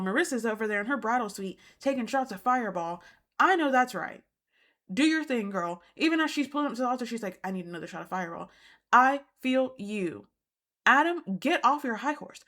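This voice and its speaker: A woman with a slightly high voice hosts a reality TV recap. She talks indignantly and emphatically and often repeats her points to drive them home. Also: a bit bright. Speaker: host.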